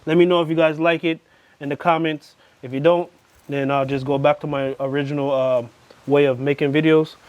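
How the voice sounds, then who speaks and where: A man's voice: on the high side, level tone, brisk, darkish tone, no echo, dull audio. A man with a Crucian accent from the US Virgin Islands, rambling casually and thinking aloud as he gives commentary on his hands-on workshop build. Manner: unscripted, thinking aloud while working. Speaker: DIY vehicle builder making videos.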